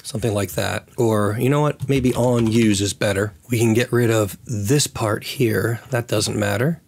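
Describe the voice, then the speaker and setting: A man with a raspy, hoarse voice recovering from losing it, hosting a casual programming tutorial and thinking aloud as he works. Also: fairly low pitch, unhurried, a little mellow. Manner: thinks aloud while working. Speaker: tutorial host.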